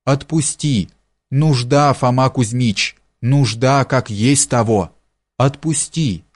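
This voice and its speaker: A man reading an audiobook, voicing a poor peasant man who pleads slowly and then curses in fury. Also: mid-range voice. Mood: pleading.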